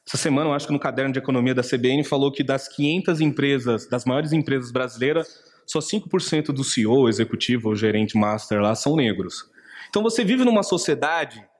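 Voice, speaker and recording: A man's voice: medium pitch, big-room sound. A man preaching a sermon, earnest, acting out the taunting inner voice in quoted asides. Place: church.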